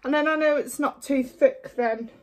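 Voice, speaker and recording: A woman chatting frankly through a makeup tutorial, her voice going hoarse, with lots of fillers along the way. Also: high voice, normal speed. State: losing her voice. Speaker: beauty vlogger. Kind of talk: casual makeup tutorial chat.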